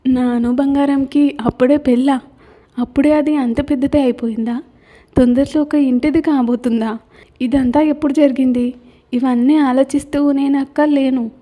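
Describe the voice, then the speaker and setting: High, mellow-voiced woman narrating a story. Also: fairly even intonation, moderate pace. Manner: emotional first-person storytelling. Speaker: writer and narrator. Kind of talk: scripted audio novel narration.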